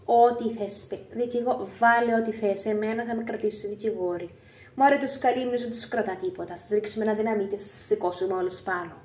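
A woman's voice: mid-range voice, steady tone, darkish tone. A woman doing a comedy phone-call monologue, gossiping and fussing, then making threats. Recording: echoey room.

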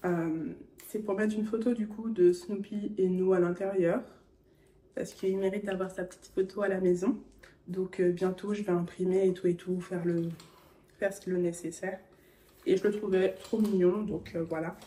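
A woman's voice: on the low side, fairly even intonation, normal speed, dark tone, breathy edge. A young woman vlogging in a casual chat, talking straight to the viewer. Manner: chatty, talks straight to the viewer. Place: at home.

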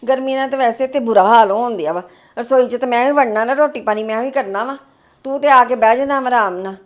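A woman's voice: quick pace, natural voice. A woman playing a stressed young wife worried about household debt, talking sharply and complaining. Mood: irritated, complaining. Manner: sharp, complaining, then weary and low. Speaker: daughter-in-law character.

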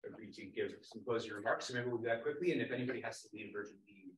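A man's voice: on the low side, very fast. A man moderating an event, making informal housekeeping announcements to the room. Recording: distant, noisy, echoey room pickup.

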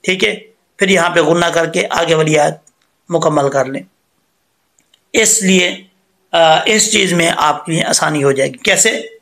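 A middle-aged man teaching Quran recitation, patiently explaining tajweed pronunciation step by step and often pausing to check in with his listeners. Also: fairly high pitch, gravelly, a bit bright. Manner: repeats and corrects points as he goes.

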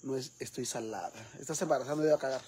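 A man's voice: medium pitch, fast talker, a little mellow, slight background noise, lightly acted. A man with a Mexican accent playing a brash, foul-mouthed middle-aged woman who gossips with her viewers in a comic vlog. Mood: gossipy. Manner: crude, gossipy, addresses viewers as sisters.

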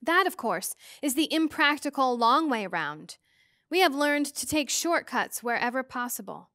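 A patient, reassuring ancient star being with a soft, kindly way of explaining things, as a woman reads her. The voice sits fairly high and sounds close and dry. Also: very animated, a little slow, no room sound, full character voice. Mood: gentle.

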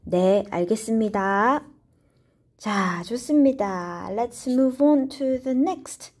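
A woman teaching Korean, explaining grammar in English and modelling short dialogue lines slowly for learners to repeat. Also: on the high side, animated, darkish tone. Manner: plays both roles in short dialogue drills. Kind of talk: slow bilingual lesson with repeat-after-me drills.

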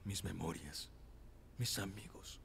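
A man voicing a despondent cartoon crocodile who feels worthless, in a hushed, bleak voice. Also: deep voice, slow pace, gravelly, slight background noise, heavily acted. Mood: despairing. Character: despondent crocodile game character, feeling worthless.

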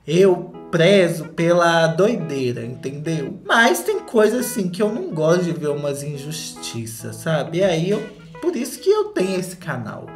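A young Brazilian man delivering gossip commentary for his vlog, sassy and theatrical, with a very lively pitch that leaps into mocking squeals. His voice bounces around a reverberant room. Soft music plays underneath. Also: measured pace. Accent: Brazilian Portuguese. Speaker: commentary YouTuber. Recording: echoey room with faint music.

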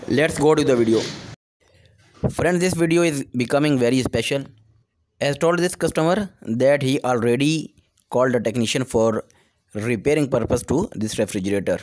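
A man's voice: medium pitch, normal speed, a little mellow. Pakistani-accented man giving repair instructions. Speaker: technical tutorial host.

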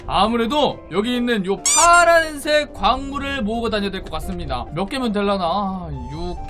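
A gaming creator giving let's-play commentary, excitable, yelping and shouting when startled and talking straight to viewers. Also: medium pitch, normal speed, faint music behind.

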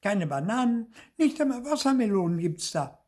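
An older man voicing a grumpy little male pet monkey who grumbles dismissively, in a husky voice. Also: high-pitched, big pitch swings, moderate pace, darkish tone, pitched above the performer's own voice. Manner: sulky, dismissive complaining.

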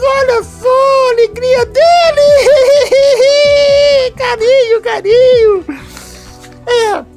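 A man voicing a needy little male toy doll with a Brazilian Portuguese accent, whining tearfully and giggling as he begs for friends. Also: full character voice. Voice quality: high squeaky cartoonish voice. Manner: whiny, tearful pleading with frequent giggles. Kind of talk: comic voice-over for a home video.

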